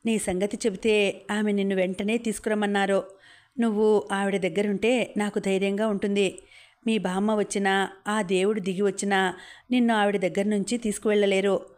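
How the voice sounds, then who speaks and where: A woman reading the lines of a calm, kindly young man who patiently gives advice. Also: mid-range voice, moderate pace, close to an everyday voice. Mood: reassuring. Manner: steady, patient, reassuring.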